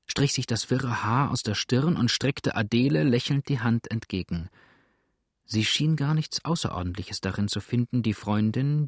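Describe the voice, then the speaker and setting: A man narrating a novel in a measured audiobook reading. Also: fairly low pitch, breathy edge, no room sound, clean studio sound.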